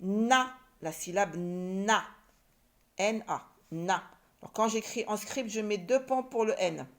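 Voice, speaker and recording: Slow syllable-by-syllable woman teacher. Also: medium pitch. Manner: slow, splits words syllable by syllable and repeats them. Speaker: primary school teacher. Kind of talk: reading lesson for young children.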